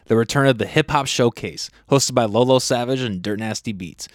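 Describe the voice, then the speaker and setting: A man's voice: medium pitch, no echo. Man reading an upbeat event promo, dry sound. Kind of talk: read promo announcement.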